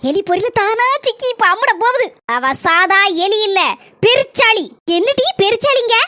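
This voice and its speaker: A woman plays a scheming cartoon mother-in-law who talks fast and scolds in a Kanyakumari Tamil accent. The voice is very high and sharp. It sounds dry and close to the mic. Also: dry recording. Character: scheming village mother-in-law and her gossiping friend.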